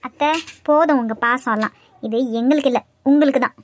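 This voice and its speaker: A woman's voice: high-pitched, fairly quick, slight background noise, natural voice. A woman voicing a bossy young daughter-in-law in a cartoon, speaking with a Kanyakumari Tamil accent in a firm, scolding way.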